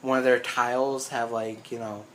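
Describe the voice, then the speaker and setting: A man's voice: mid-range voice, little pitch movement, normal speed, fairly bright tone, a little hiss or hum. A young man co-hosting a casual chat about games, rambling, swearing freely and laughing often. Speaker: co-host.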